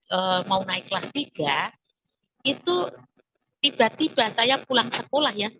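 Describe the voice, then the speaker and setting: Telling her life story as a testimony, a woman with a Javanese accent acts out the voices of the people in it. Her voice is mid-range, sharp and husky, and the recording is dull and lo-fi.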